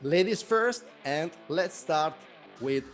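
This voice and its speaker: A man hosting a jury interview over a video call, upbeat and lively in his introductions. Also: a little high, slow, faint music behind.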